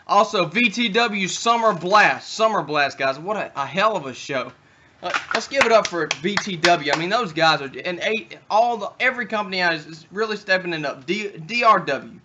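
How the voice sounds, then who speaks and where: A young man hosting a backyard wrestling talk show in character, trash-talking and breaking into loud rants. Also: high voice, expressive, normal speed, muffled recording, slight background noise.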